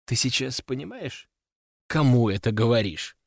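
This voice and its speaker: A man's voice: medium pitch, big pitch swings, a little slow, no echo, clean studio sound. A man voicing a young noblewoman who speaks in a cool, dismissive way, in an audiobook reading. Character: sharp-tongued young noblewoman.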